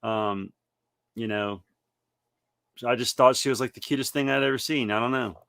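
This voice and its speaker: A man's voice: mid-range voice, normal speed, creaky, a bit bright, smooth, dry recording, studio quality. A man co-hosting a casual podcast, telling loose stories from his past. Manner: reminiscing, loose and storytelling. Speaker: podcast co-host. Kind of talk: casual chat.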